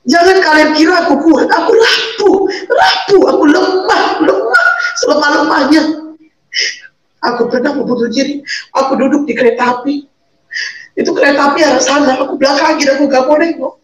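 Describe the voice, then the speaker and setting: A woman with a high voice gives an earnest personal testimony and repeats key words for emphasis. She is far from the microphone. Her voice sounds roomy and echoey, like a video call. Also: fairly quick. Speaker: interview guest, a convert and single mother.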